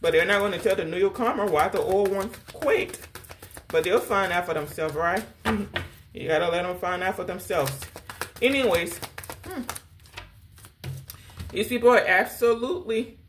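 A woman's voice: medium pitch, normal speed, pauses often, slight background noise. A woman giving a casual spiritual tarot reading, sassy and direct, calling the listener honey and baby. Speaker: tarot reader.

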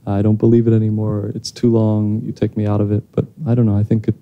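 A man's voice: fairly low pitch, monotone, quick pace, dull audio. A man in his thirties answering audience questions after a screening, speaking into a handheld mic on a theater stage, thoughtful and hesitant with many restarts. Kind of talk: post-screening Q&A.

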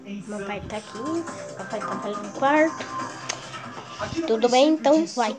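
A woman's voice: fairly high pitch, lively intonation, measured pace, over loud music. A woman with a Brazilian accent vlogging casually at home, dramatic and exclaiming, repeating words for effect. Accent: Brazilian Portuguese. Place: at home, moving between rooms and garage.

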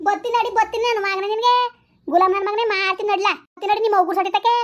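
A woman playing a furious village elder aunt in a comedy skit, cursing and scolding without pause. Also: steady tone. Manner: shrill nonstop scolding and cursing.

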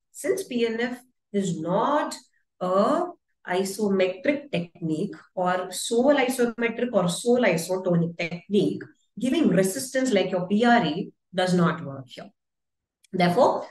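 A woman giving an online lecture to therapy students, talking it through in a relaxed, chatty way and checking in with rhetorical questions. Her voice sits at an ordinary middle pitch. The computer mic picks up a noticeably echoey room around her. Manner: conversational teaching with rhetorical questions. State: voice dry, briefly croaky. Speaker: physiotherapy lecturer. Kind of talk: webinar lecture.

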